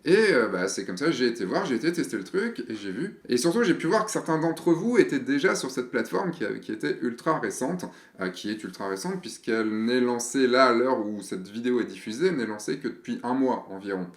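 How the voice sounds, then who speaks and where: A man's voice: mid-range voice, expressive, brisk, echoey room. A man in his thirties hosting a casual explainer video for photographers, chatty, with lots of fillers and restarts.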